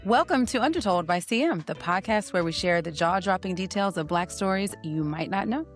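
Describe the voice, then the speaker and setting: A woman in her thirties hosts a podcast, playfully teasing her guest in casual interview chat before launching into a story, and she laughs often. Her voice is lowish, animated, and fairly quick, with faint music in the background.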